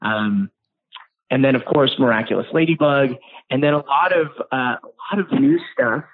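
A man's voice: mid-range voice, normal speed. An American man, a voice actor, giving an upbeat, friendly phone interview with eager energy. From United States. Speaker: voice actor guest. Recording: tinny phone line.

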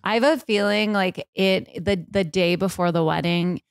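A woman in her thirties chats on a podcast in a playful, wry way. Her voice has a middling pitch for a woman and is recorded dry and close. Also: moderate pace, gravelly, clear, resonant tone, no room sound. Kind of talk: casual podcast chat.

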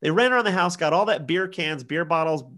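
A man's voice: on the high side, a little fast. A man in his thirties, a podcast co-host telling a party story in casual chat and acting out the quotes. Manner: animated storyteller, acts out quotes.

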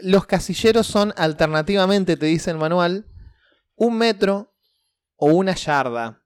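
A man on a podcast, patiently laying out rules in a fairly high voice. The sound is dry and close to the mic, with no room around it. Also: expressive, measured pace, clean tone, no room sound. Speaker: podcast co-host and game master. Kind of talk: casual chat.

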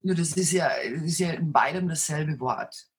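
A woman with a deep, low, husky voice, speaking with self-assurance as a coach answering interview questions. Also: normal speed. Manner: self-assured, dominant presence. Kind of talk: conversational interview answers, storytelling.

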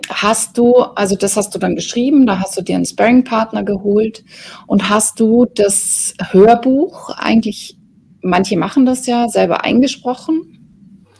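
A woman, interviewing a guest in calm, unhurried questions. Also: medium pitch, creaky, slightly rough. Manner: calm and unhurried, gives short backchannel replies. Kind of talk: casual conversational interview.

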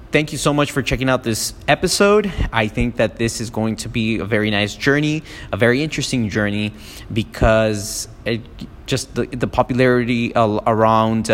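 A Miami man hosts a solo podcast monologue, casual and rambling, full of ums and restarts. His mid-range voice was recorded on a phone app and sounds like it's in a large hall.

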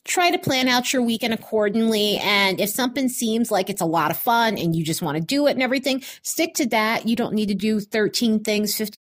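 A woman's voice: a little high, animated, a little fast, hardly any pauses. A woman giving a casual, upbeat astrology forecast in an informal, chatty way, recorded on a phone voice recorder like a dictaphone. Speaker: astrology video host. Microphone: phone voice recorder app.

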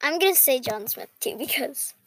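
A woman's voice: sits high, animated, normal speed, fairly bright tone, a little hiss or hum. A young girl co-hosting a podcast, chatting casually and reading out quiz questions. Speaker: podcast co-host. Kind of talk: casual podcast chat, reading quizzes aloud.

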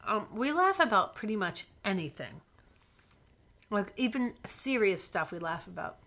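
A woman's voice: medium pitch, big pitch swings, moderate pace, a bit bright. A young woman co-hosting a podcast with her partner, chatting playfully and giggling while chewing gum. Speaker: podcast co-host. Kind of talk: casual couple chat.

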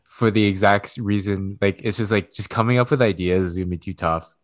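Man, low-pitched, casual podcast co-host; loose rambling storyteller who swears freely. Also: fairly even intonation, brisk.

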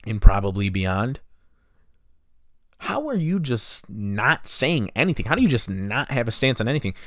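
A man's voice: fairly high pitch, no room sound. Impassioned young man ranting, dry close mic. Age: 20s. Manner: impassioned, frustrated, rhetorical questions. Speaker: podcast host. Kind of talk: solo podcast monologue.

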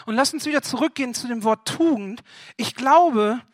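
A man's voice: very high voice, normal speed, dry recording, studio quality. A young man from Germany, preaching a humorous sermon and acting out little dialogues as he tells stories. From northern Germany. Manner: animated storytelling, acts out phone dialogue with a friend.

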